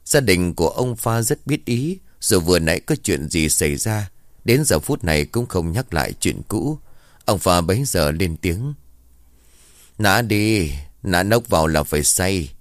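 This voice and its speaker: A man narrating a rural ghost story in a steady, even storytelling manner. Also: sits low, moderate pace, no room sound, studio quality.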